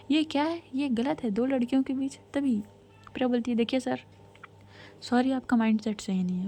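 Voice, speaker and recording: A woman's voice: fairly high pitch, warm tone, slight background noise. A young woman telling a story in casual speech, chatty, with asides to the listeners, and speaking the quoted lines herself with little change of voice.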